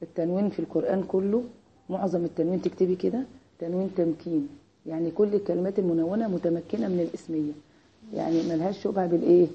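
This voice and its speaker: An Egyptian woman teaches an Arabic grammar lesson built on call-and-response, constantly quizzing her students with repeated "what?" prompts. Her lowish voice stays steady as she speaks very fast. The audio has its highs cut off and slight background noise.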